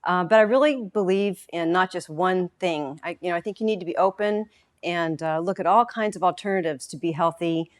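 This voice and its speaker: A woman's voice: fairly low pitch, fairly quick. Reflective woman in her fifties. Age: 50s. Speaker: client giving a testimonial. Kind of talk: interview testimonial.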